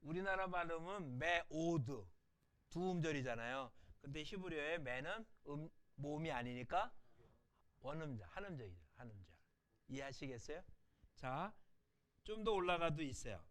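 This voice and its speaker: A middle-aged man teaches an online language course in a slightly high voice. His pitch swings widely as he explains. He poses rhetorical questions, answers them, and repeats sample words slowly. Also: lively intonation, fairly bright tone. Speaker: Hebrew language lecturer. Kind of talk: recorded online lecture.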